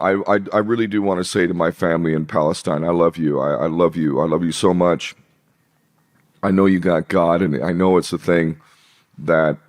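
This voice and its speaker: A man's voice: low-pitched, darkish tone. A man talking passionately as a podcast guest, emphatic and repetitive, with frequent swearing. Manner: emphatic, repeats himself, swears. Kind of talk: impassioned podcast interview talk.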